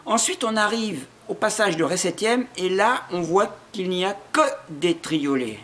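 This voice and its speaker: Slow, patient male guitar teacher. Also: high voice, expressive, a bit bright. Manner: patient, explains slowly, sings short phrases to demonstrate. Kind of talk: step-by-step guitar lesson. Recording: guitar playing along.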